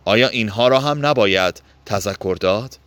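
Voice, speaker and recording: A man's voice: lowish voice, a bit bright, dry recording, close to an everyday voice. A man voicing a secretive young wife who answers her husband coolly and wearily in an audiobook. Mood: cool guarded. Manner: languid, guarded.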